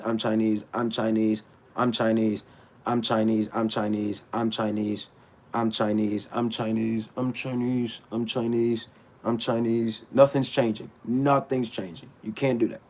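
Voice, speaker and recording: A man with a medium-pitched, darkish voice speaks a little slowly in a level tone. He's a battle rapper on a livestream, ranting bluntly and animatedly and talking back to chat, restarting words as he replies.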